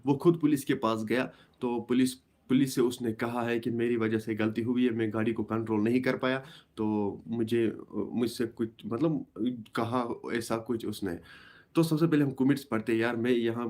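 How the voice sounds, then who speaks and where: Young man, live-stream host, middle pitch, halting, repeats himself. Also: a little mellow. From Kashmir. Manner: halting, repeats phrases, many restarts. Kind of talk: casual live stream talk.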